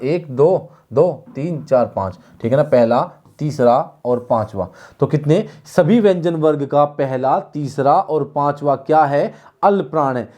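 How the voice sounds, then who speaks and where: Male teacher, slightly high voice, drilling students with repeated questions. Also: dark tone. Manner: repetitive, questioning, drills students on sounds aloud. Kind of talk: online exam-prep lesson.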